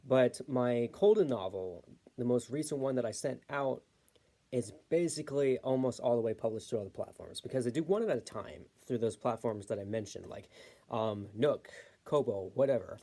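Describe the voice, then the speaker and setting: A man talking through a how-to video in a loose, hesitant way, full of fillers and small corrections. His voice is mellow and dark, at an ordinary middle pitch. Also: moderate pace. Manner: rambling, hesitant, many fillers, corrects himself. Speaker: self-published author giving a tutorial. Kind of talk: casual unscripted tutorial.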